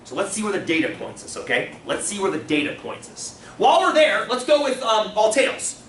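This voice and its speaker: A man's voice: sits high, sing-song, a little fast, a bit bright, slight background noise. A man teaching a classroom, playful, laughing easily and counting results aloud. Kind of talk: classroom lecture. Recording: echoey classroom, mic at a distance.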